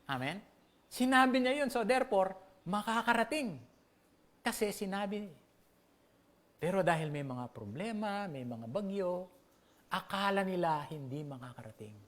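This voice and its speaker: High-voiced Filipino pastor preaching. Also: male voice, animated, fairly bright tone. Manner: conversational, checks in with the listeners often; slows down to read scripture aloud. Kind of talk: sermon mixing Tagalog and English.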